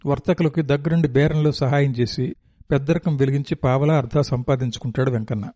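A man reading a novel aloud as narrator, in a steady, descriptive storytelling manner. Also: medium pitch, a little fast, no echo, studio quality.

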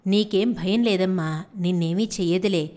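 A woman voicing a kind talking parrot who is really an enchanted girl, speaking gently and soothingly. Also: on the low side, normal speed, lightly acted. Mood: hushed, kindly.

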